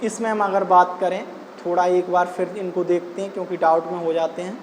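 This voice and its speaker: A woman teaching a Hindi grammar lesson for exam preparation, explaining step by step with deliberate pauses. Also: fairly low pitch, little pitch movement, darkish tone, slight background noise. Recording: echoey room with long reverb.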